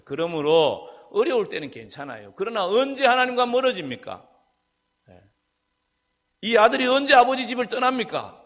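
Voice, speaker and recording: Guy preaching in a church, pitch all over the place, lots of rhetorical questions, long hall reverb. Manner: rhetorical questions, lively and animated. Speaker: pastor. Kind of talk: sermon. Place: church sanctuary.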